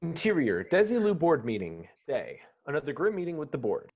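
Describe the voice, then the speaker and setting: A man narrates a screenplay, reading out scene headings and stage directions. His voice is on the high side with wildly swooping pitch and a slightly fast pace, heard through dull, somewhat muffled online call audio.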